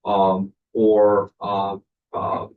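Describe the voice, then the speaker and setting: A man's voice: lowish voice, completely flat delivery, drawn-out words. A man in a committee hearing restating a rule aloud, restarting his sentences. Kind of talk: questioning in committee. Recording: dull audio with faint noise.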